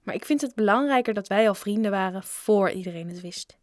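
A woman voicing a quiet, earnest boy in a storybook reading. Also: mid-range voice, brisk, dry recording, studio quality, lightly acted.

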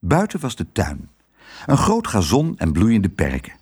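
A man narrating a storybook aloud with a lively, expressive reading. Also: lowish voice, measured pace, slightly rough.

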